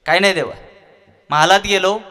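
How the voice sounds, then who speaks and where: A man's voice: medium pitch, normal speed, pushed and bright, lightly acted. A man voicing a devoted monkey god who pleads in an impassioned, rising prayer. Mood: fervent.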